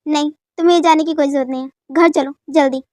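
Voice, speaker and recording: A woman doing a sharp-tongued young wife, scolding curtly in a lowered but still high voice. It is read close to the mic in a dry sound. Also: steady tone, quick pace, no room sound, close to an everyday voice. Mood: annoyed. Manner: curt, scolding.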